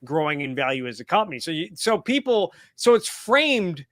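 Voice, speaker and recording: Casting note: male host, higher-pitched voice, blunt, close dry recording. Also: sing-song, moderate pace, a bit bright, dry recording. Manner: blunt, reads tweets aloud. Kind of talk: casual political chat.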